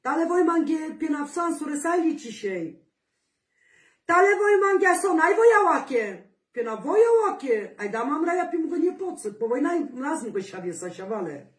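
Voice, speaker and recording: A woman vlogger chatting casually to her viewers, animated, with sing-song calls and rising exclamations. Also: high-pitched, normal speed. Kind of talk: casual chat to camera. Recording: roomy echo, voice from a distance.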